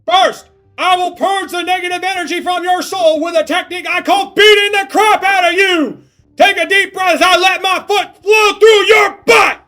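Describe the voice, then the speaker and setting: A belligerent drill sergeant turned yoga guru, barking orders in a high, forceful shout. He is domineering and loud, as if running a boot camp in a comic game, with faint music underneath. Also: fairly even intonation, moderate pace, full character voice. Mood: aggressive shouting.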